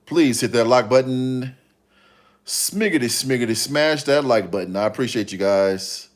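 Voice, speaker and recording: In his fifties, a male livestream host chats casually with his viewers, rambling and often repeating himself. His voice is medium in pitch and he speaks a little slowly.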